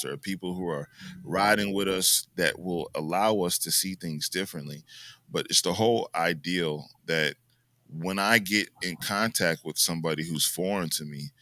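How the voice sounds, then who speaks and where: A man's voice: low voice, bright, forceful tone, dry recording. An American man co-hosting a podcast, talking in a casual, rambling and reflective way that sometimes drops to a mumble. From United States. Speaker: podcast co-host. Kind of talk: casual chat.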